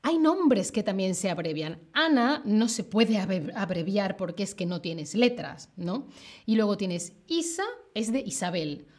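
A woman from southern Spain teaching a live-streamed Spanish lesson in a neutral Castilian accent, animated and playful, reading viewers' comments aloud. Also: mid-range voice, unhurried. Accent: neutral Castilian Spanish, softened southern Spain.

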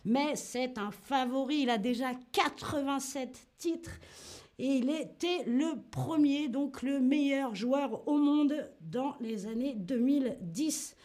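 Lively high-voiced woman teaching French. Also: slow pace. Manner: lively, demonstrates tennis shots with grunts; greets and answers chat viewers by name. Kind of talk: live online French lesson.

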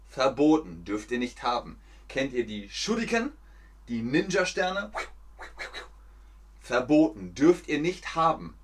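Slow, animated male German teacher. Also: mid-range voice. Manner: slow, simple and repetitive for learners. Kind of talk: livestreamed language lesson.

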